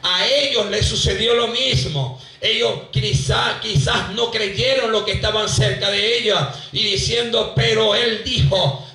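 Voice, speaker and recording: A man from Venezuela preaching a fervent church sermon, his voice sitting high and bright. He keeps repeating phrases and calls on the congregation to respond. The sound is heard from far off in an echoey hall. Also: unhurried, few pauses. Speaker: pastor.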